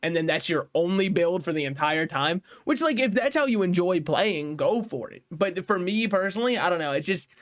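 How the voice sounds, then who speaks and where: A man's voice: high-pitched, animated, moderate pace, hardly any pauses, a bit bright. A man streaming a card game, talking casually through his moves, swearing now and then and laughing at his own jokes. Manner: chatty, swears, laughs at himself. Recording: faint music behind.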